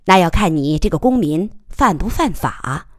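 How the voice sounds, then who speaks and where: A woman voicing an even-tempered, wry young plainclothes policeman in a storybook reading. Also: on the low side, moderate pace, no echo, studio quality. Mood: calm, wry. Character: calm, smooth-talking young plainclothes policeman.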